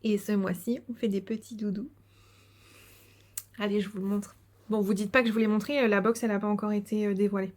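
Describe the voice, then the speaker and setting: A woman's voice: mid-range voice, steady tone, fairly quick, pauses often, darkish tone. A woman chatting casually to her viewers as a knitting and sewing podcaster, hesitant with many fillers and given to giggles. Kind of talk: casual video chat showing crafts.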